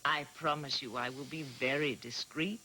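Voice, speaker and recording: An actress playing a scheming countess in a daytime soap opera, speaking in a theatrical manner. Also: female voice, a bass voice, fairly even intonation, normal speed, sharp tone, a little hiss or hum, rough recording.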